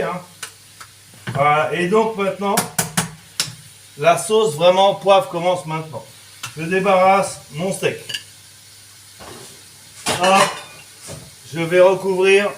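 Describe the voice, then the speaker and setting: Slow-talking man cooking in an echoey kitchen. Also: sits high, a bit bright, slight background noise. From France. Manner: chatty, lots of "hein" and "voilà", sound effects. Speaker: cooking teacher. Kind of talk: casual cooking demonstration. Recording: echoey kitchen, sizzling pan. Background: frying and sizzling.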